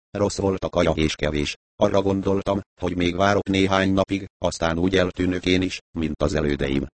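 A man narrating a novel in the first person, in a wry, even audiobook reading. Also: deep voice.

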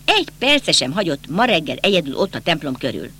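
A man's voice: on the high side, very animated, pushed and bright, a little hiss or hum. A man voicing a bitter, agitated young nobleman in an audiobook, speaking insistently and accusingly. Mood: tense. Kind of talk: audiobook character reading.

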